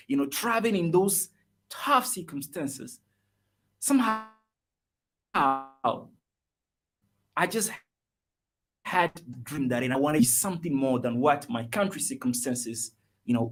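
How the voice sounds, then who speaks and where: A man from Togo, a motivational speaker guest, telling his life story on a video call in an animated, emphatic way, repeating words and joking. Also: a little high.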